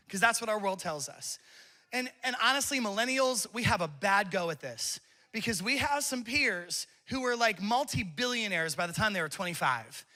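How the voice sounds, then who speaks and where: A male pastor in his thirties delivers a sermon in a strikingly high, bright voice with a sharp, forward edge. He talks in a loose, conversational storytelling way and often breaks into laughter. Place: church campus.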